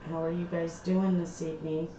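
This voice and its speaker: A woman livestreams from her craft room, chatting slowly and trailing off mid-sentence in a fairly low, level, warm voice. Her audio sounds hollow and tinny, as if inside a tin can, and the lo-fi stream is echoey and dull with faint background noise.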